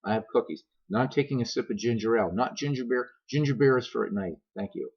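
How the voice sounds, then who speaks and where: A man's voice: mid-range voice, quick pace, darkish tone, slightly rough. A man with an American accent chatting casually and digressively to viewers, joking and self-deprecating, as a gaming video host. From grew up many years in America; also Irish. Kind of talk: casual rambling chat to viewers. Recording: dull lo-fi laptop microphone.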